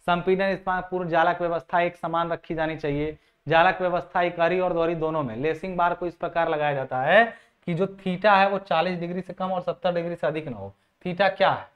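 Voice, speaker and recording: In an exam-prep civil engineering lecture, a man with a high-sitting voice explains diagrams informally, treating viewers like friends, asking rhetorical questions, and going over key points again. The audio sounds dull.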